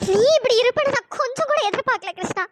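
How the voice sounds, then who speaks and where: A voice actor playing a young wife in a cartoon story, heartbroken and bitter, with a high pitch-shifted voice. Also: lively intonation, brisk, bright, forceful tone, full character voice. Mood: weeping. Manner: wailing then scornful.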